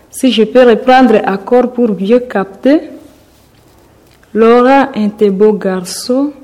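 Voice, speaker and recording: Radio teacher going super slow, dark mellow voice, repeats everything. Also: medium pitch, rough recording. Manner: slow, repeating each point. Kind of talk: radio school lesson.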